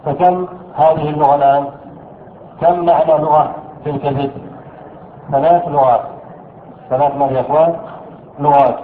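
A man teaching an Arabic grammar lesson. He asks his students questions, answers them himself and repeats key words slowly. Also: a little high, slight background noise. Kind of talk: classroom lesson explaining a text. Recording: echoey room over a thin phone-like line.

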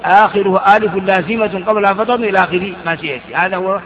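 A man's voice: high voice, fast talker. A man teaching Arabic grammar in class, asking questions and answering them himself with frequent restarts. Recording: dull, reverberant hall recording.

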